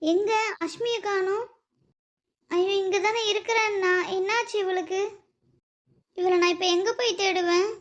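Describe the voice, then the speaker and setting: A frightened young wife in a cartoon who stammers in panic, as a woman voices her. The voice is extremely high and squeaky. The recording is dull and lo-fi. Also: fairly even intonation, measured pace, long pauses. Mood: panicky. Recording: dull lo-fi audio.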